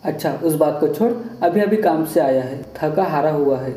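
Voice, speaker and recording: Man doing a caring older mother-in-law, gentle concerned tone, dark voice, roomy sound. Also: fairly high pitch, normal speed, natural voice. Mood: soothing. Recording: roomy echo.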